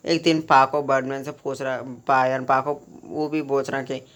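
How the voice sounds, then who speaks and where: Male storyteller, flat monotone delivery, halting casual retelling, frequent restarts. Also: mid-range voice. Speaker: fan storyteller recapping his own story.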